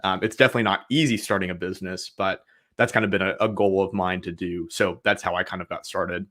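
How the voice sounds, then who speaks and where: A man's voice: deep voice, steady tone, fast talker, fairly bright tone. A man from Oklahoma, a guest on an interview show, answering in an easygoing way and laughing along. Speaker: guest, marketing consultant.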